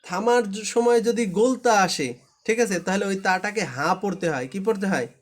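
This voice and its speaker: A man's voice: sits high, lively intonation, brisk. A man teaching Quran recitation in a live online class, patient and repetitive, often checking that students understand.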